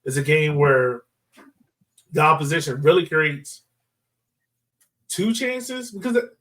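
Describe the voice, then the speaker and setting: A man hosts a soccer podcast, chatting through his analysis casually and sprinkling in "like" and "you know." His voice is a little high and fairly bright, and he speaks at a slow pace. The mic is distant and the audio is poor.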